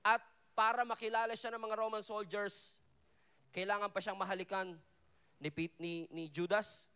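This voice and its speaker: A male pastor preaching a sermon at a worship festival, full of energy and humor, dropping low and soft when he quotes Jesus. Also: normal speed, clean tone. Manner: animated preaching, drops low and soft for quoted lines, jokes with the crowd. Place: large hall at a worship event.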